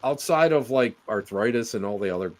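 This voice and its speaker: Lively older man in casual chat. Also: mid-range voice, a little fast. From Western New York. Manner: animated, laughing, teasing.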